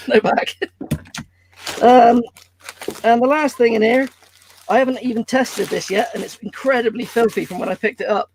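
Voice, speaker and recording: High creaky male voice, casual show-and-tell, faint background noise. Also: moderate pace, long pauses, darkish tone, rough recording. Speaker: livestream guest showing games.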